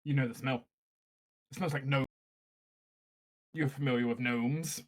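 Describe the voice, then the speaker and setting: A man's voice: mid-range voice, fairly even intonation, unhurried. A man running a tabletop game as game master, describing scenes and ruling on actions.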